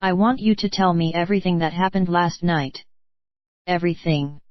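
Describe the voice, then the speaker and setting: A woman's text-to-speech voice reading the lines of a fierce, jealous noblewoman who scolds and commands, in a low voice on a dull, dry recording. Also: moderate pace, no echo, natural voice. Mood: scolding.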